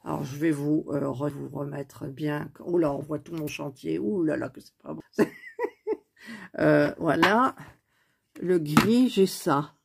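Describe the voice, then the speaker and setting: A woman chatting softly as she stitches at home, thinking aloud in a casual cross-stitch tutorial recorded on a phone on a stand. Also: sits low, creaky, a little hiss or hum. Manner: speaks softly near the phone. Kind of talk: casual craft tutorial chat.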